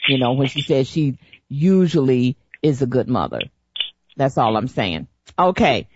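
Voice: medium pitch, animated, a little slow, a little hiss or hum. A middle-aged host on a talk broadcast, rambling and searching for words as they speak. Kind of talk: casual radio talk. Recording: dull lo-fi recording.

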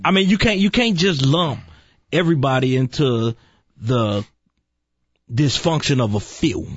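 Man, mid-pitched voice, easygoing storyteller, dry lo-fi sound. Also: measured pace, breathy edge, dry recording. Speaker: talk show co-host. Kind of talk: casual opinion chat.

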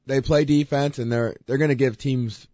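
A man's voice: medium pitch, steady tone, normal speed, mellow, no room sound. A young man sitting in as a radio co-host, chatting casually in brief, agreeable, slightly hesitant replies. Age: young adult. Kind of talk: casual sports chat. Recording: dull, band-limited radio audio.

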